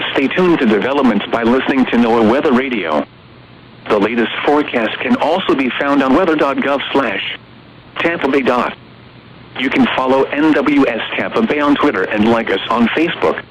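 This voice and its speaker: A medium-pitched, computer-generated male voice reads an automated weather broadcast, flat and evenly paced with odd stresses. It's a text-to-speech announcement from an automated weather radio service, captured through a radio receiver, so the audio sounds dull with clear noise.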